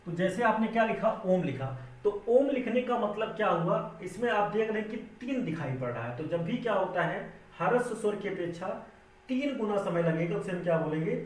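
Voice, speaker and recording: A man gives an exam-prep grammar lesson in a high voice, over and over asking the class a question and then answering it himself. He sounds somewhat distant from the mic, and the room around him is roomy and echoing. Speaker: Hindi grammar teacher.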